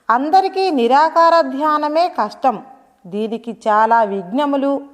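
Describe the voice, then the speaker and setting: A woman reading a devotional discourse as a spiritual teacher, explaining gently and addressing the listener directly. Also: sits high. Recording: long hall reverb.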